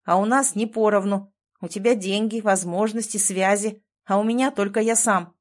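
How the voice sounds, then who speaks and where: A woman reading an audiobook and voicing a stubborn, proud man who speaks in a low, hollow, guarded tone. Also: steady tone, normal speed, lightly acted. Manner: clipped, tense and reluctant. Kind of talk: audiobook character voice.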